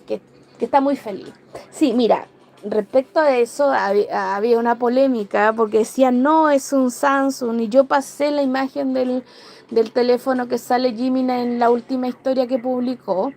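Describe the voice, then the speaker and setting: A woman's voice: fairly high pitch, vocal fry, a little mellow. A Chilean woman hosting a casual livestream, chatting in a rambling way and greeting viewers by name. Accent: Chilean Spanish. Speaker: livestream host. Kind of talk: casual live-stream chat.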